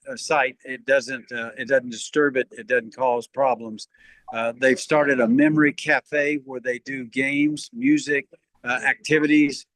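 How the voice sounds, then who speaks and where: A man's voice: mid-range voice, no room sound, poor audio. Man explaining with many "uh" fillers. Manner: steady explaining, frequent "uh" fillers. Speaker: guest. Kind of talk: live-stream interview.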